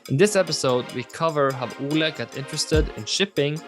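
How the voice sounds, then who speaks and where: A man's voice: on the high side, brisk, over music. A man hosting a podcast, introducing his guest and asking long, multi-part questions. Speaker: podcast host. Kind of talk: podcast interview.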